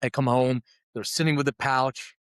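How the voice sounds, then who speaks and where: The clip is a dry, clean studio recording of a man with a medium-pitched, clean voice, fairly even intonation, and normal speed. Middle-aged, Lithuanian-born and Philadelphia-raised, this company CEO appears as an interview guest, openly telling his life story, joking at his own expense and imitating voices he quotes.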